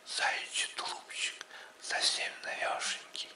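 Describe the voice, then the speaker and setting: A man's voice: slow pace, sharp tone, roomy sound. A man voicing a fussy, devoted old manservant in an audiobook, as whispered role-play right in your ear. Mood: indignant, relieved.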